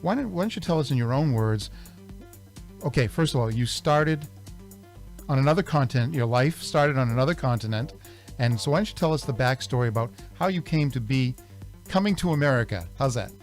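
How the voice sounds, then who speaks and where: A man's voice: mid-range voice, lively intonation, brisk, soft background music. A man hosting a radio interview show over a video call, chatting casually with many fillers and little jokes.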